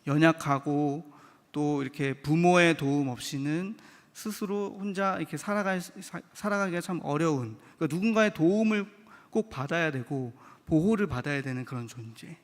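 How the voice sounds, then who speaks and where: A man's voice: fairly high pitch, normal speed. A man preaching a Wednesday evening church sermon in a conversational way, asking the congregation questions and acting out short quoted lines. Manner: acts out short quoted lines in lively voices. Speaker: licensed preacher. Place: church sanctuary. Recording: long hall reverb.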